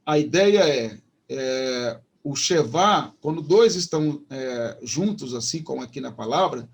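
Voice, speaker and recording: A man's voice: mid-range voice, animated, gravelly, breathy edge. A man with a Brazilian Portuguese accent teaching an online Hebrew lesson, explaining step by step with many fillers and restarts. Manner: slows down to pronounce Hebrew words. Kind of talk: online lecture.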